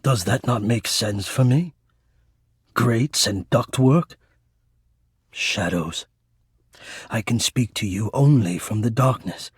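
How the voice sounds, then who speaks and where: Here the same sort of role appears: an actor plays a lovesick, anxious air-vent spirit in a video game, despairing and self-pitying, with dramatic, theatrical and fairly formal romantic delivery. His medium-pitched, slightly rough voice takes its time, leaving long pauses. There's no room sound.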